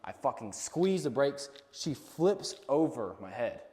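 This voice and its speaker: A man's voice: mid-range voice, very animated, unhurried, dark tone. A young man in casual podcast chat over pool, blunt and swearing freely. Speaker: podcast co-host. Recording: roomy echo with long reverb.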